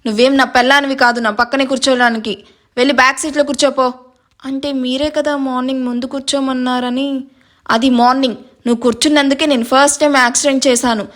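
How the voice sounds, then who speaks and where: A woman's voice: high voice, fairly even intonation, fast talker, a bit bright. A woman reading a brash, mocking young man. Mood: scolding. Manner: curt and mocking.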